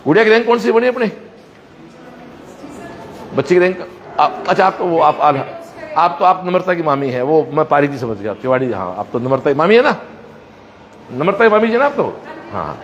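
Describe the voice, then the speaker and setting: A coaching and school founder tours his campus in a live walkthrough vlog, moving through classrooms and corridors, chatting with students and talking to the camera. His voice is on the high side and expressive, at a moderate pace with frequent pauses. The audio is dull, with slight background noise.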